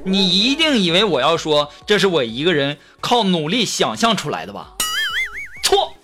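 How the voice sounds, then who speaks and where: A man's voice: fairly high pitch, normal speed. A man hosting a comedy podcast, telling funny anecdotes and acting out the voices in them. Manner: lively storytelling, acting out quoted voices. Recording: music bed under the voice.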